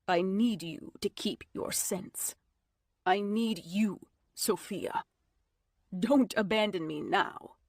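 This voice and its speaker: Woman reader doing a wounded male lover: breathy, slow, pleading, dry booth. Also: medium pitch, no room sound. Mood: grave pleading. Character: brooding wounded male vampire-like lover, grave. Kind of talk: audiobook character voicing.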